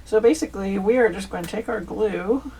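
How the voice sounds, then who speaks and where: A woman hosts a casual step-by-step craft tutorial, speaking briskly in a warm, medium-pitched voice and chatting informally with viewers she calls "you guys." The mic is distant, with faint background noise.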